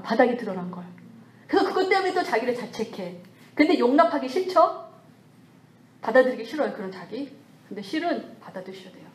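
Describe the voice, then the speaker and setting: Woman church lecturer, fairly high voice, animated, acts out little bits of self-talk; echoey hall sound. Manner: lively, acts out scolding and comforting self-talk.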